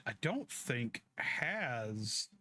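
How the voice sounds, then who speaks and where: A man's voice: mid-range voice, big pitch swings, extremely slow, bright, forceful tone. A man giving casual gaming commentary as he streams. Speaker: game streamer. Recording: faint background noise.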